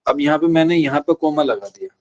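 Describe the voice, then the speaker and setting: A man from India teaching an exam prep lecture, repeating key phrases slowly so students can write them down. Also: on the high side, animated, a little mellow, muffled recording.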